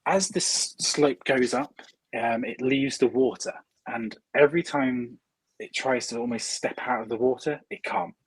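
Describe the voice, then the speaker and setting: A man's voice: medium pitch, a little slow, husky, rough recording. A man narrating as dungeon master in a casual, hesitant way, full of "um" and "sort of". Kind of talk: narrating a tabletop game.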